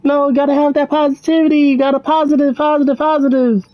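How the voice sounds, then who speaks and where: A man voicing a preachy, relentlessly upbeat positivity pusher in a mocking, shrill, insistent way. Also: flat delivery, quick pace, lo-fi sound.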